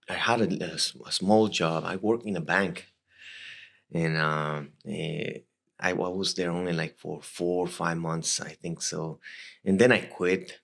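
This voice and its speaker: A Costa Rican man in his thirties speaks English as a second language with a Costa Rican Spanish accent. As a podcast guest he tells his life story haltingly, restarting often. His voice is low-pitched and gravelly, with a fairly bright tone.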